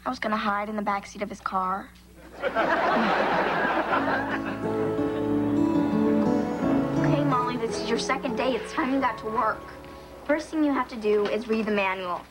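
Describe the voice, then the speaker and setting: Actress playing a wry teenage girl, high voice. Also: a little slow, long pauses, loud music behind the voice, close to an everyday voice. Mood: dry. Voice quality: sarcastic, wry. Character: earnest teenage girl, quick sarcastic wit. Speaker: teenage girl working at a fast-food restaurant. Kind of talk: 1990s sitcom acting. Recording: noisy TV sitcom recording, live audience.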